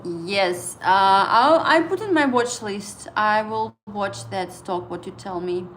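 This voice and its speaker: On her casual trading livestream, a woman in her thirties chats with viewers; she is a native Estonian speaker with an Estonian accent, and her English is halting and full of fillers. Her medium-pitched voice is expressive and a bit bright, with slight background noise.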